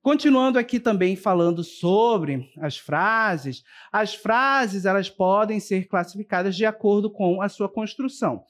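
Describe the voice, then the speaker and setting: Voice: mid-range voice, a little slow, hardly any pauses. A teacher giving a televised school lesson, explaining step by step and often checking in with the class. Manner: addresses students directly and warmly as a group. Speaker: Portuguese teacher.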